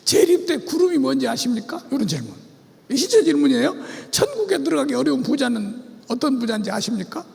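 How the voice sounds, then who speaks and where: Man, pastor, very high voice, heavy gravel, quizzing the congregation, lively delivery, long church reverb. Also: fairly quick. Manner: animated, quizzes the congregation, call-and-response. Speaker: pastor teaching about cults. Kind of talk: church seminar sermon. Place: church sanctuary.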